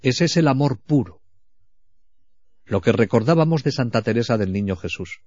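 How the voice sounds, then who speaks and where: A man preaching at a spiritual retreat in a slow, reflective way, often sinking into a hushed voice. His voice sits at an ordinary pitch. The recording is dull and lo-fi, with a dry, close sound. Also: animated, dry recording.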